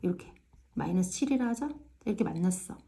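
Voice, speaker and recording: Mellow-voiced woman teaching middle school math. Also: fairly low pitch, lively intonation, fast talker, creaky. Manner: frequent tag questions checking understanding; repeats filler "ja" to pace steps. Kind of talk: casual classroom lesson.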